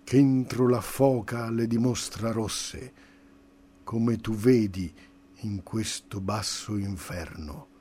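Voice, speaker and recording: A man voicing a wise, calm older poet who guides and reassures, speaking softly and in a measured way. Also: fairly low pitch, a little hiss or hum. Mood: reassuring.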